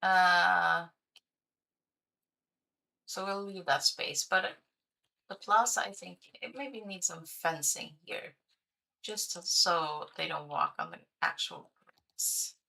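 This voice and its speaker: Her voice is low, slow and gravelly, steady in tone yet pushed and bright, and the recording is rough. A game streamer whose first language is Swedish, she gives chatty livestream commentary as she plays, musing aloud with hesitant fillers.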